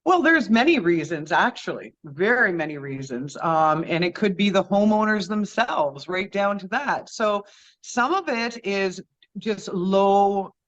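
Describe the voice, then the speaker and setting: A woman's voice: medium pitch, expressive, unhurried. Rambling woman on lo-fi audio. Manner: rambling, many filler sounds. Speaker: guest, medium and energy healer. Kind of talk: storytelling in an interview. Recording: dull lo-fi audio.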